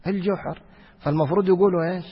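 A male teacher of Quranic exegesis gives a religious lesson, explaining by posing questions and answering them himself, repeating phrases and slowing to recite verses. His voice is slightly high, husky and steady, caught in a lo-fi recording with long hall reverb.

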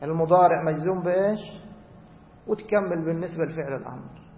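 Teacher in an echoey hall. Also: male voice, fairly high pitch, slight background noise. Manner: asks the class questions and answers them himself; repeats key words and rules slowly. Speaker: grammar teacher. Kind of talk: classroom lesson. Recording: echoey hall, dull lo-fi sound.

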